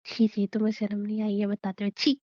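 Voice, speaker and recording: A woman's voice: medium pitch, completely flat delivery, a little fast, dark tone. A young woman in a scripted comedic skit, playing a wife who coaxes and pleads playfully. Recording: muffled lo-fi phone audio.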